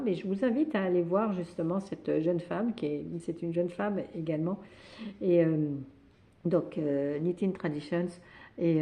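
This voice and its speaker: Mellow-voiced woman chatting about knitting. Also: on the low side, creaky. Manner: hesitant, many fillers and restarts. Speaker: knitting podcast host. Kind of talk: casual chat.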